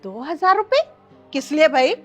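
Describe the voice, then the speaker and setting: A woman playing a bitter, contemptuous grandmother and mother-in-law who scolds her family with sharp commands, in a family short film. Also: sits high, big pitch swings, moderate pace, lo-fi sound, faint music behind. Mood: scolding. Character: harsh, bitter grandmother who scorns girls.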